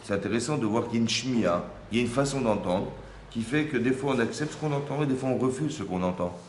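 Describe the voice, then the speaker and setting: This interactive religious lesson comes from a man with a mid-range voice who speaks at a quick pace over slight background noise. Teaching a small group, he asks questions, checks in with listeners and repeats words often as he looks for his phrasing. The room is roomy, with faint ambience.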